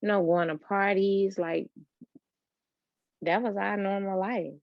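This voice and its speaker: A woman from Chicago, a loctician, talking in a relaxed, reflective and slightly hesitant way as an interview guest. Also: mid-range voice, takes it slowly, vocal fry, dry recording, dull audio. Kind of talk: casual interview.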